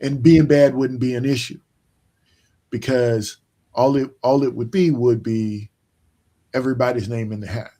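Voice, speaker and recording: In a casual sports chat, a male podcast host talks with a warm, medium-pitched voice and fairly even intonation. Sleepy and yawning, he meanders, keeps restarting his sentences with plenty of fillers, and stresses his points slowly.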